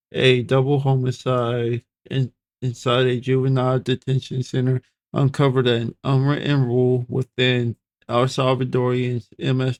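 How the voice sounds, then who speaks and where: Reaction streamer, male, gravelly and flat; reads haltingly, trips on and repeats tricky words. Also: mid-range voice, no echo. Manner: stumbles over hard words and repeats them; slow, halting delivery. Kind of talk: reading an article aloud and reacting.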